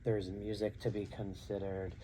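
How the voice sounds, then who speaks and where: A man's voice: on the low side, level tone, normal speed, mellow, slight background noise. A middle-aged man who works as a drag queen and show host, answering interview questions earnestly and repeating phrases for emphasis.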